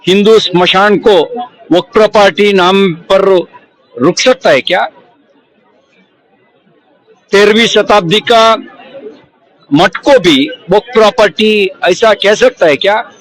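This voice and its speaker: A man giving a press statement as a politician, halting and repetitive, firing off rhetorical questions. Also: high voice, a bit bright, a faint crowd, poor audio.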